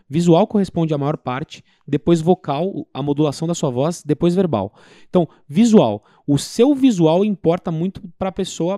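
A man talks through sales techniques in an emphatic, explanatory way. His voice sits a little high. The sound is dry and close. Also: warm tone, no room sound. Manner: explanatory, emphatic, practical examples. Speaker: business guest. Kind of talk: casual sales advice talk.

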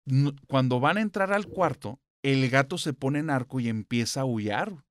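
A man's voice: mid-range voice, moderate pace, dry recording. Guy hosting a podcast, telling a scary story, dry close mic. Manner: animated retelling with quoted voices. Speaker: podcast host. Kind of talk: storytelling a horror anecdote.

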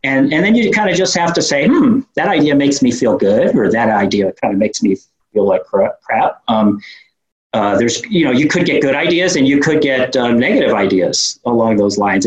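A man with a New York accent talks like an interview guest who runs a business. His delivery is informal and explanatory, at a middling pitch. The recording has a clearly echoey room sound. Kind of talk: conversational interview answers.

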